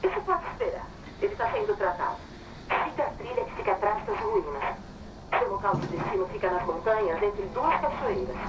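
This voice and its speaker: An actress playing a cool, mysterious female ally speaking over a radio transmission, giving calm, composed instructions. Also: mid-range voice, moderate pace. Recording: distant, very noisy radio.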